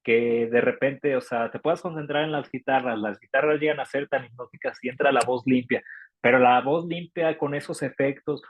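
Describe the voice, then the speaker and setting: A Mexican man talks through an album review in a loose, rambling way, with lots of fillers. His voice sits at a middling pitch. The sound is close and dry. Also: moderate pace, dry recording, muffled recording. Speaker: music reviewer. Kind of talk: casual panel chat.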